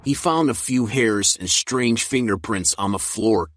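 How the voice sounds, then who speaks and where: A man reading a simple story aloud in a clear, even way for English learners. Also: lowish voice, measured pace, no room sound. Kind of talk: slow storybook narration for learners.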